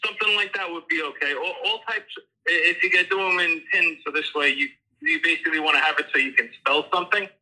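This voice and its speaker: A man's voice: on the high side, fast talker, sharp tone. Stammering guy on a tinny phone. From Queens, New York. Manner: hesitant, stammering, repeats himself. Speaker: caterer. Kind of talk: casual phone conversation. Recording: tinny telephone line.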